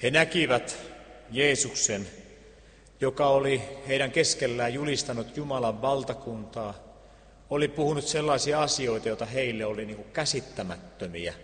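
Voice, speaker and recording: A man reading Scripture aloud and preaching, solemn and measured, with deliberate pauses. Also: medium pitch, a bit bright. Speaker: pastor. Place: church. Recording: long church reverb.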